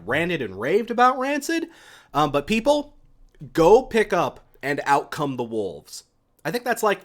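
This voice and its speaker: A young man hosts a casual live stream, reading out questions from chat and rambling about the music he loves. His voice sits a little high and swings widely as his excitement rises. He restarts sentences often, with plenty of fillers.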